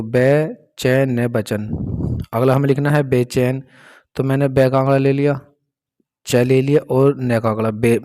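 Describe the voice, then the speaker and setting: A man's voice: mid-range voice, a little mellow. A man teaching a shorthand class, patiently explaining each stroke and answering his own questions. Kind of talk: explaining a lesson step by step.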